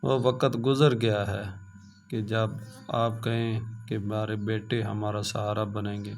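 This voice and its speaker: A man's voice: lowish voice, little pitch movement, slight background noise. A man narrating a moral story in an earnest, pleading preacher tone.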